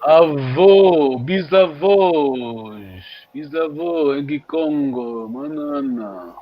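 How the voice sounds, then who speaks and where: A man teaching an online language lesson, patiently repeating words slowly for his students. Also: on the high side, animated, highs cut off.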